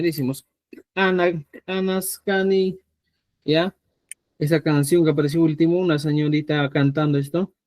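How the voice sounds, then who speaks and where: A man from Peru teaching a live online language class, patiently repeating words slowly so students can hear the pronunciation. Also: fairly high pitch, darkish tone, dry recording. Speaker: Quechua teacher.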